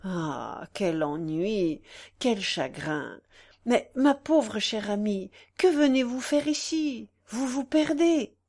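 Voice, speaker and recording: A woman voicing a young nobleman who speaks gently and soothingly, in a slow audiobook reading. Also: mid-range voice, expressive. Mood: gentle. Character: young nobleman, gentle and composed before a duel.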